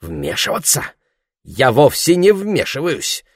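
A man's voice: on the high side, wildly swooping pitch, slow, slightly rough, dry recording, studio quality, pitched above the performer's own voice, heavily acted. A man reading aloud voices a pompous young man complaining indignantly. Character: pompous, peevish young man, older brother.

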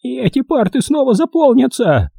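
A man voicing a fanatical old woman teacher with a creaky, grating voice, read in a close, dry audiobook recording. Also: very high voice, sing-song, moderate pace, dark tone, dry recording, voice pushed up, heavily acted. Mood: shrill.

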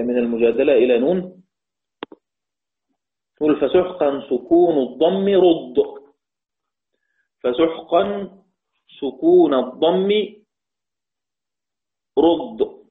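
A man with an Egyptian Arabic accent teaches an online lesson on Quran readings, explaining patiently, quizzing his class and chanting quoted verses slowly. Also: medium pitch. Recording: tinny phone-like online call audio.

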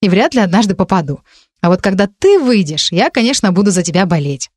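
A woman's voice: medium pitch, very animated, quick pace, a little mellow, dry recording, studio quality. A woman voicing Marina, a stubborn teenage witch girl who talks defensively and reasons her way out. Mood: placating. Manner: defensive, reasoning, a bit sulky.

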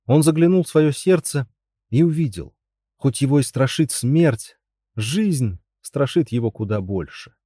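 Role: male audiobook narrator. Tone: dark, mellow. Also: mid-range voice, dry recording, clean studio sound. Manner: even, measured storytelling.

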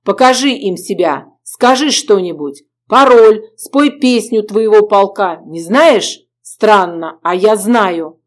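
A woman reading the lines of a proud, bold young male zouave soldier in an audiobook, loud and commanding. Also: mid-range voice, lively intonation, takes it slowly, hardly any pauses.

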